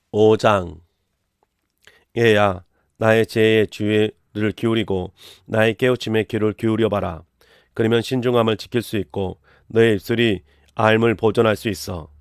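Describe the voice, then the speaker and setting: A man reading Bible passages aloud in a steady, measured recitation on a close mic. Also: fairly low pitch, clear, resonant tone, no echo. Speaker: scripture reader.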